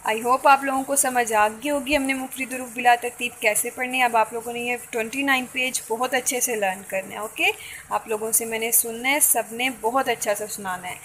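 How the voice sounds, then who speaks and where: A woman Tajweed teacher, patiently teaching an online lesson and drawing out each letter slowly. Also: on the high side, fairly even intonation, fairly bright tone, slight background noise, poor audio. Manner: slow drawn-out recitation of letters; patient, repeats "theek hai" often.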